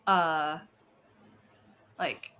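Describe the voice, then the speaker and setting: A woman's voice: low-pitched, steady tone, drawn-out words, pushed and bright, clean tone. A woman in her thirties chatting with a friend in a joking, teasing way. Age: 30s. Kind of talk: casual chat among friends.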